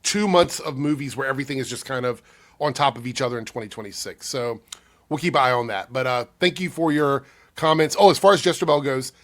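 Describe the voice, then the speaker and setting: A man speaking casually as an online commentator answering viewer comments, breathy from a cold, often pausing and restarting as he thinks aloud. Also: mid-range voice. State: under the weather with a cold. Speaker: YouTube commentator.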